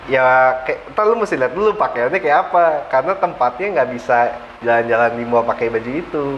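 A man's voice: mid-range voice, fairly quick. A man in his late twenties with a Jakarta accent, speaking casually in colloquial Jakarta slang. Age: late 20s. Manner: colloquial, peppered with filler slang and English words. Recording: muffled, with clear background noise.

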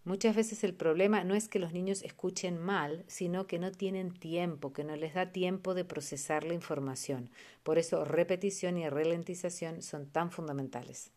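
A woman with a fairly low voice teaches on her own podcast. Her delivery is calm and explanatory, and she slows right down whenever she recites an example. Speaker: podcast host and early literacy educator. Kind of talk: educational podcast talk.

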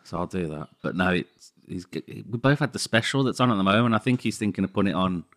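A man with a Birmingham accent, co-hosting a podcast in casual chat, excitable and full of "like". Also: low-pitched, fast. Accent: Birmingham English. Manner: excitable, gushing, full of "like" and "oh my God". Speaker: podcast co-host.

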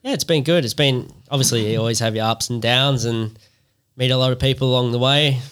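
A man's voice: medium pitch, fairly quick, fairly bright tone, clear, resonant tone. Laid-back young Australian man, podcast guest. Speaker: motocross racer, podcast guest. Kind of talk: casual interview chat. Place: podcast studio.

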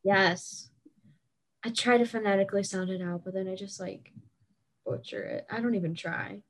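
A young woman chatting casually about hockey with friends, animated and full of fillers. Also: mid-range voice, normal speed.

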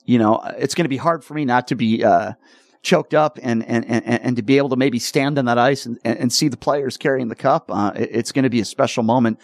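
A man hosting a sports talk radio show, talking in an earnest, halting way with repeated words, choked up with emotion. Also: mid-range voice, no echo, studio quality.

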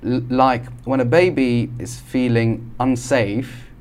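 A man's voice: mid-range voice, steady tone, takes it slowly, a little mellow, clear, resonant tone. Man from Algeria explaining at length. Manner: explanatory, with frequent fillers and restarts. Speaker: podcast guest. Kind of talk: casual conversation.

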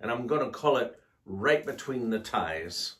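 Co-host, male, slow and animated joke-teller, playful delivery. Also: very noisy. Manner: slow, playful joke-telling with lively pitch. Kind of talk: casual comedic chat.

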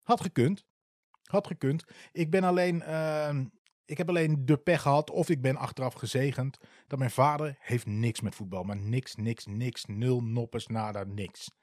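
A man's voice: mid-range voice, steady tone, moderate pace, a little mellow, dry recording, studio quality. A man in his forties from the eastern Netherlands, telling his story in a candid, casual way with many hesitant filler sounds. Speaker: football club supporter.

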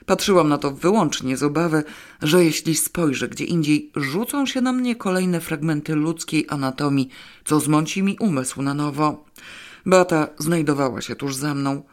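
A woman narrating a first-person novel as an audiobook, wry and expressive. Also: deep voice, moderate pace.

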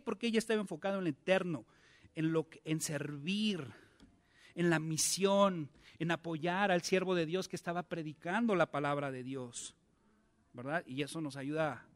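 High-voiced pastor preaching conversationally. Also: male voice, fairly bright tone. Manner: conversational, asks the congregation many questions. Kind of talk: sermon.

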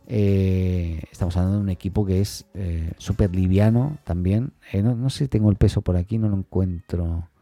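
Alone on his tech news podcast, a man speaks in a low, dark-toned voice with no echo. He thinks aloud informally and haltingly, frequently slipping in little questioning tags.

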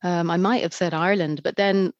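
A woman's voice: fairly low pitch, steady tone, a little fast, no echo, dull audio. A woman from Zambia, a podcast guest chatting casually with many fillers. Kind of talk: casual interview chat.

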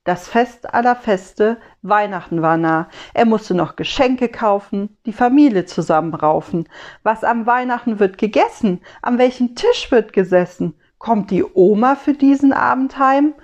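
A woman storyteller reciting a rhymed Christmas poem in a measured way, on a slightly dull lo-fi recording. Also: fairly high pitch, lively intonation, a little mellow. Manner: slow, measured rhyming recitation.

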